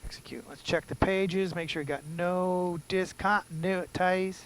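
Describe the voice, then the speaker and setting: A man's voice: high-pitched, fairly even intonation, measured pace. A man giving casual, self-deprecating commentary, muttering to himself as he sets up a simulated flight. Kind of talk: casual commentary while doing cockpit setup.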